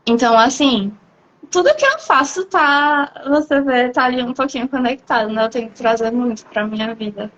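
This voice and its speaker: A woman with a Brazilian Portuguese accent, a guest poet in a live online interview, explaining her writing thoughtfully and at length with frequent pauses. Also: a little high, fairly bright tone, dull audio.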